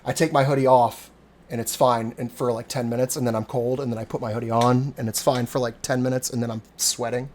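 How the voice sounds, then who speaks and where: A man's voice: medium pitch, fairly even intonation, brisk, a little hiss or hum. A man in his forties from the Cincinnati area, chatting casually and rambling with lots of swearing and self-deprecating jokes. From Cincinnati area, USA. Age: 40s. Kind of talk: casual chat.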